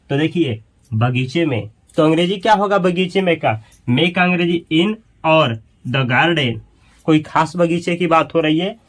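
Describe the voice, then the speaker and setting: A male English teacher giving a spoken lesson, explaining patiently and repeating example sentences slowly for learners to copy. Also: high-pitched.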